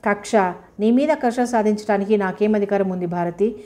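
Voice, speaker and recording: A woman voicing a lame, remorseful young man, speaking quietly and pleadingly in a storybook reading. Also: mid-range voice, normal speed, close to an everyday voice.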